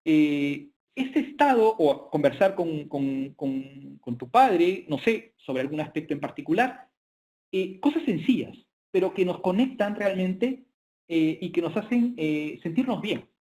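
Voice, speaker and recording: Male lecturer with a slightly high voice, halting delivery full of filler sounds, presenting slides online. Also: animated, a little mellow. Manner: hesitant, frequent filler sounds.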